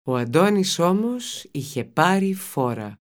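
A narrator reading a children's novel aloud in an expressive storytelling manner. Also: mid-range voice. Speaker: audiobook narrator.

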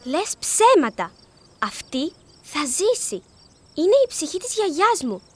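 A woman voicing a lively, chattering little girl in a storybook reading. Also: high-pitched, pitched above the performer's own voice. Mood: scolding. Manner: bossy, chattering.

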